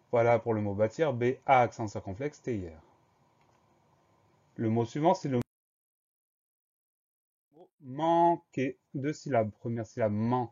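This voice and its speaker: A man's voice: mid-range voice, a little mellow, lo-fi sound. A male teacher leading a spelling lesson, carefully spelling words out letter by letter. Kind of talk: dictation lesson.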